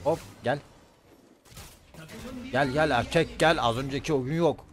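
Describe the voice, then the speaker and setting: A young man streaming a game, loud and excitable, swearing and yelling at his teammates. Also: medium pitch, measured pace, soft background music. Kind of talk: live gaming commentary.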